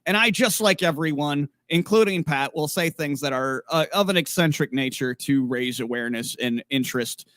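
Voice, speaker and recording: A man's voice: fairly high pitch, moderate pace, few pauses, fairly bright tone, no room sound, clean studio sound. A man co-hosting a podcast in casual chat, blunt and profane, rambling with restarts. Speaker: podcast co-host.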